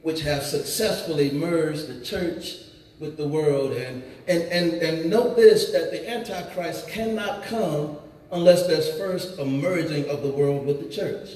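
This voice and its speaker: A high-pitched male preacher drives his points home with scornful emphasis. His voice rings with a long hall reverb and sits far from the mic. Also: measured pace, a little mellow. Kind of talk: sermon to a youth revival.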